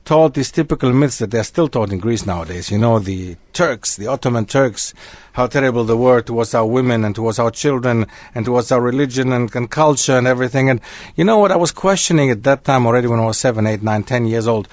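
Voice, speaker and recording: A man who grew up in Germany, a guest historian on a radio talk show, lecturing in an animated way that wanders from point to point. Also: mid-range voice, fast, hardly any pauses, dry recording. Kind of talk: radio discussion. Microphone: studio microphone.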